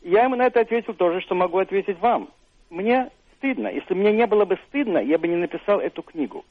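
An older Russian man, an author and university professor, answers radio interview questions thoughtfully and hesitantly, with many fillers and restarts. His voice is high-pitched, animated and fast, with no room sound, through narrow, dry, phone-like radio audio.

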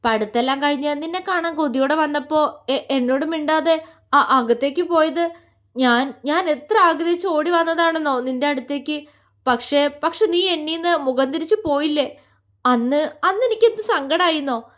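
A woman's voice: high voice, a bit bright. A woman doing a heartbroken drunk young man. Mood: tearful reproach. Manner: halting, stammering, tearful pleading. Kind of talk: romantic audio story acting.

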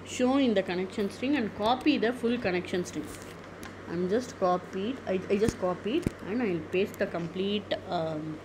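A woman narrating a screen-recorded software tutorial, methodical and step-by-step, with frequent "okay" and "uh" fillers. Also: mid-range voice. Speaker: tech tutorial presenter. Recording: noticeable background noise.

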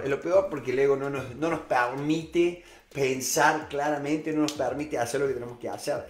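A middle-aged man with a Rioplatense Spanish accent, giving a motivational talk on negotiation, full of fillers, repeated words and rhetorical questions. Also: medium pitch. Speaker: negotiation expert and author. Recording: echoey room with faint music.

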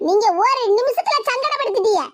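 A woman's voice: very high-pitched, expressive, fast talker, a bit bright. A woman voicing a proud young married woman in a cartoon, lecturing self-righteously in a Tirunelveli Tamil accent. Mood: smug. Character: young wife, proud and newly respectable.

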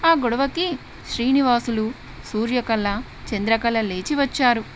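A woman narrating a dramatic family story in a steady, expressive storyteller's manner. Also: fairly high pitch, measured pace, slight background noise.

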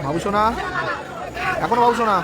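A man giving frantic live football commentary outdoors, excitable and repeating names and exclamations. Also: high-pitched, a little fast. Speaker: live football match commentator and stream host. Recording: noisy outdoor ground with loud crowd. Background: loud crowd and outdoor noise.

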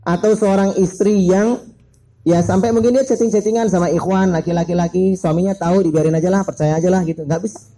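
High-pitched, mellow-voiced male preacher. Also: fairly even intonation, fast talker, rough recording. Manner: playful, joking asides to the audience. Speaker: Islamic preacher. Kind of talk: lively humorous sermon.

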